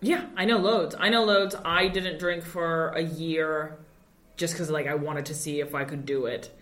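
A woman's voice: low-pitched, fairly even intonation, normal speed, a bit bright. A woman in her twenties, a comedian being interviewed, talking candidly and laughing often. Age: 20s. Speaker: comedian guest. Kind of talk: casual interview chat. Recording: echoey room.

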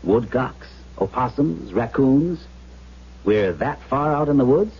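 An actor playing a practical, brooding man in a haunted-house radio drama, halting as he finds words. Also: medium pitch, lively intonation, breathy edge, heavily acted. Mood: puzzled. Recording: dull old radio broadcast.

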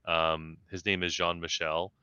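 A man appears as a podcast guest in a casual chat, reflecting aloud and restarting as he works through his thoughts. His deep voice is flat and sharp, at a measured pace, with a clean tone and no echo. The dry recording sounds slightly dull and lo-fi.

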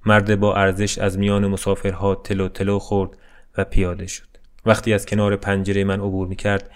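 A man narrating a scripted story in a calm, melancholy, deadpan way. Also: sits low, clean tone. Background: faint music.

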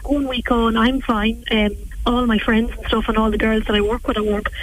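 A young woman speaks with an Irish accent from County Cavan, her voice a little high. She is talkative and earnest, answering interview questions in an informal, colloquial way. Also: flat delivery, moderate pace, low-quality recording. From West Cavan, Ireland. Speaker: nursing home healthcare worker, interview guest.

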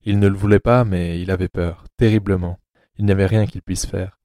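Deep, dark-voiced male narrator. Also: fairly even intonation, brisk, no room sound, clean studio sound. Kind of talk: scripted audiobook narration.

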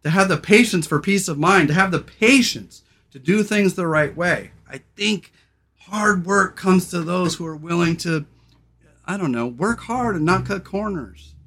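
A man hosting a podcast, brash and irreverent, loud radio-style delivery that drops to low, slow, soft talk when sincere. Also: animated, slightly rough. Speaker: podcast host. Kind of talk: casual podcast chat.

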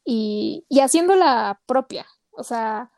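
A woman's voice: fairly high pitch, animated, takes it slowly, darkish tone, no echo. A woman co-hosting a casual podcast chat, talking with lots of fillers. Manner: chatty, many fillers. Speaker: podcast co-host.

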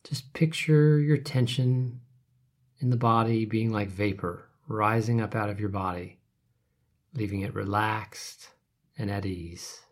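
A man leading a guided relaxation meditation, speaking softly and calmly, his phrases trailing off into whispers. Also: fairly low pitch, unhurried. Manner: soft, calm, trailing off to whispers.

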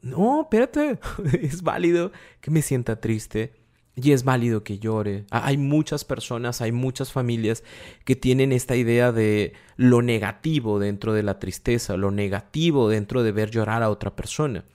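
A man with a Mexican Spanish accent giving an explanatory talk about emotions, expressive and acting out everyday dialogues. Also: mid-range voice, moderate pace. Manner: expressive, acts out everyday dialogues, laughs often. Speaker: emotional wellbeing speaker.

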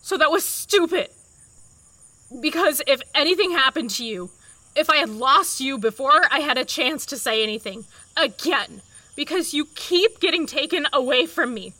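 A woman's voice: high-pitched, lively intonation, moderate pace, bright, forceful tone, no echo. An actress playing a feisty, blunt but tender woman in love in an audio drama. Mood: exasperated, upset.

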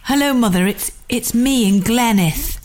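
A woman's voice: fairly high pitch, moderate pace, background noise. A middle-aged woman leaving a voicemail for her mother from a home kitchen, chatty and jokey. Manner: chatty and jokey, laughs easily. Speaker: podcast co-host.

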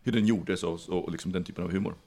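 A man's voice: sits low, steady tone, dark tone. A man co-hosting a casual podcast chat, making short dry remarks and laughing along. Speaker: podcast co-host.

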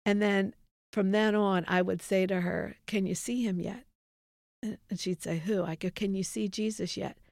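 A middle-aged woman speaks earnestly and reflectively as an interview guest. Her voice has a gravelly edge at a mid pitch. The sound is dry and close. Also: fairly even intonation, normal speed, a little mellow, no echo. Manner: earnest, reflective, quotes others in dialogue. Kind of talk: candid faith testimony.

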